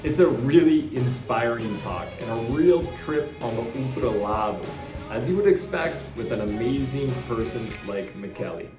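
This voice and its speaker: A man who speaks English as his first language hosts a podcast, chatting enthusiastically in a casual interview and often restarting his sentences. His voice is mid-range and a little mellow. The recording has a roomy echo with faint music.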